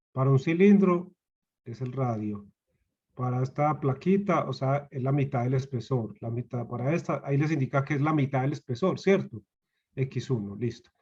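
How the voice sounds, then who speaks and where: A man with a Colombian Spanish accent lectures a university class online, repeating key points and asking students to answer. His voice is husky, and the video-call audio sounds dull and lo-fi. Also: medium pitch, darkish tone. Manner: explains patiently, repeats key points, asks students questions.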